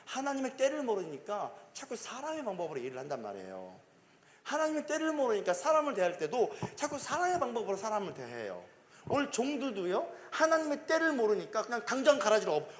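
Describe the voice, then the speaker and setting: High-pitched guy preaching, swoops up and down a lot, echoey church hall. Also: very animated, fast. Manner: emphatic, call-and-response, repeats phrases. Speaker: pastor. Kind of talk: sermon. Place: church sanctuary. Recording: long reverb of a church hall.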